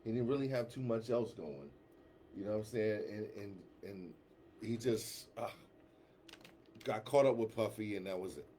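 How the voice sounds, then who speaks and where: A man co-hosting a casual radio talk show, animated and slangy, laughing often and repeating himself. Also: fairly low pitch, moderate pace, long pauses, slight background noise.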